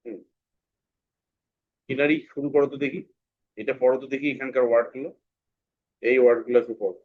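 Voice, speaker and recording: A man teaching English pronunciation to children, patiently repeating words slowly for the class. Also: mid-range voice, fairly even intonation, narrow, tinny audio.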